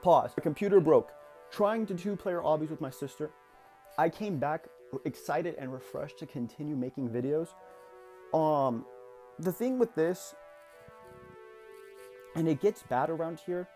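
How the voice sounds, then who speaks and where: Candid teenage guy, slightly high voice. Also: warm tone. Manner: candid, confessional, rambling with restarts. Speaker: YouTuber. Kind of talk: reflective personal vlog.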